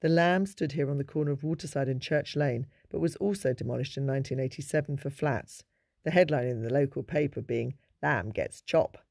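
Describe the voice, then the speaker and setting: A man giving a measured, informative narration of local history in a scripted documentary style. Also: mid-range voice, vocal fry.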